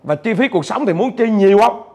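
Speaking in a husky voice that sits high, a middle-aged man from Vietnam delivers a fairly quick seminar talk as a business trainer. He jokes, stays animated, repeats words, and quizzes his listeners.

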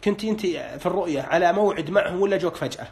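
Fast-talking man interpreting dreams. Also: high voice, a little mellow, slight background noise. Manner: hedging with religious phrases; questions callers briefly. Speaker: dream interpreter on live broadcast. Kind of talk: live call-in dream interpretation.

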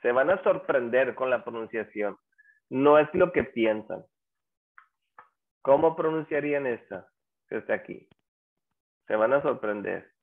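A man teaching an English class, drawing out his example words slowly and coaxing students to answer. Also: mid-range voice, lively intonation. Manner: slow, drawn-out English examples. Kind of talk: online class lecture. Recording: tinny phone-like audio.

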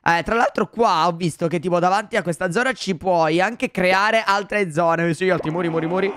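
A young man narrates his game to viewers in a high, smooth, clear voice. He is excitable and quick to exclaim at whatever happens on screen. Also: dry recording, studio quality. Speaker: gaming YouTuber. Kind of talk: Let's Play commentary.

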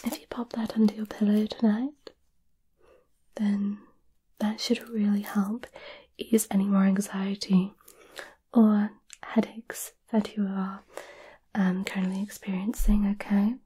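A woman doing a whispered role-play as a gentle, caring witch, soothing and a little hesitant, close to the microphone. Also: medium pitch, little pitch movement, a little slow, pauses often. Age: 20s. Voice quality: breathy whisper. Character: gentle, caring centuries-old witch offering potions. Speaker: ASMR performer. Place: small candlelit indoor room.

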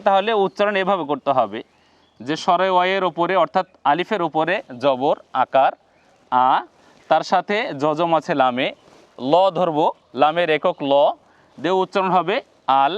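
A man with a Bangladeshi Bengali accent teaching a slow, step-by-step Quran reading lesson, repeating each sound and speaking directly to viewers. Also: high-pitched, smooth, dry recording, highs cut off.

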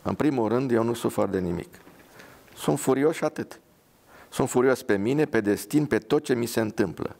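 A man's voice: sits low, expressive, gravelly, darkish tone. A man reading a bitter paralysed soldier. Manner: angry, sarcastic.

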